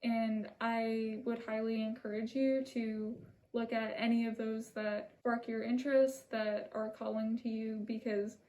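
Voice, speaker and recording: This woman, not a native Italian speaker, sits with a script and reads a video essay for her own channel in an apologetic, earnest, soft-spoken manner. Her slightly high voice stays level and unhurried. The camera mic picks up a little hiss or hum.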